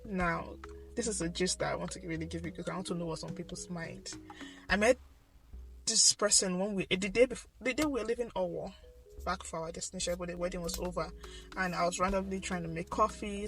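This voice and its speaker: A woman in her thirties with a Nigerian accent, telling an animated storytime on her vlog and acting out what others said. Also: lowish voice, quick pace, over music. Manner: animated, gossipy, mimics others mid-story. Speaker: vlogger. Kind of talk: casual storytime chat.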